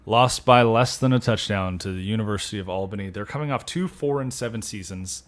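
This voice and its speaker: A man with a fairly low voice co-hosts a sports podcast. He talks in casual chat, measured and easygoing, with dry humor. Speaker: podcast co-host.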